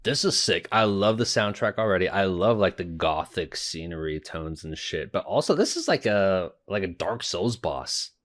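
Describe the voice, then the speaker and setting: A man's voice: deep voice, animated, moderate pace, few pauses, fairly bright tone. A young man giving informal, sweary, blurted commentary as he watches an anime. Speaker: reaction video host.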